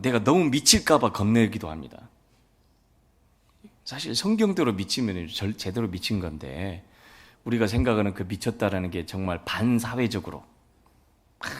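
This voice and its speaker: A man's voice: fairly low pitch, husky. A man preaching a sermon as a pastor, telling folksy stories and acting out family dialogue. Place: church sanctuary.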